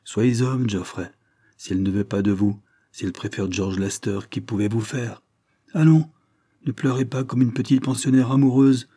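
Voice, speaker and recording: A man's voice: on the low side, fairly even intonation, moderate pace, mellow, breathy edge. A man as a blunt, scolding old lord. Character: older aristocratic uncle, blunt and scolding.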